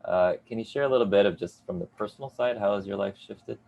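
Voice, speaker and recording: This moderator is a middle-aged man running an online panel by video call from his basement at home, cheerful, warm with guests and full of "uh" fillers. His voice is lowish and gravelly, his pace quick, and the audio dull.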